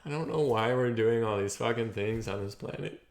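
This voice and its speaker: A man talking through his feelings in a rambling, halting, reflective monologue, clearing his throat often and swearing casually. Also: fairly low pitch, roomy sound. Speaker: vlogger. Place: outdoors on a property.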